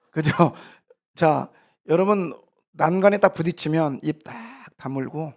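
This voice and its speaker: A male pastor preaching a sermon in church. He swings from quiet asides to loud, animated exhortation. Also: a little high. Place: church sanctuary.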